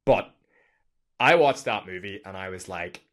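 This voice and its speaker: An energetic young man tells a story on his own podcast, swearing freely and leaning on fillers. His voice sits a little low, and he talks into a studio mic. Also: measured pace. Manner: energetic, profane, lots of fillers. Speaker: podcast host. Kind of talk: casual storytelling monologue. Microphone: studio microphone.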